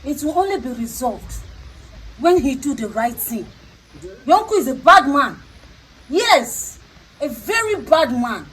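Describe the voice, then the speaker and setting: A woman's voice: high-pitched, big pitch swings, unhurried, long pauses, a bit bright, rough recording. A woman with a Nigerian accent talking in a stern, scolding way, repeating herself for emphasis. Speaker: traditional priestess. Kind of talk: unscripted confrontational talk.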